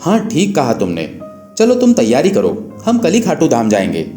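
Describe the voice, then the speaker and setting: A man's voice: medium pitch, wildly swooping pitch, normal speed, warm tone. A man voicing an emotional young father who cries out in a raised voice, recorded in an echoey room with faint guitar music. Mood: agreeable. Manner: raised, crying out.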